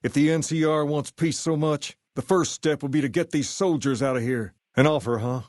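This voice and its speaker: A man playing a self-assured, folksy gang boss in a video game, with a Southern US accent and a measured way of talking. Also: on the high side, fairly even intonation, darkish tone, dry recording, clean studio sound, natural voice. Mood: firm, defiant. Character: charismatic, folksy male gang boss styled on a rock-and-roll idol. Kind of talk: video game character dialogue.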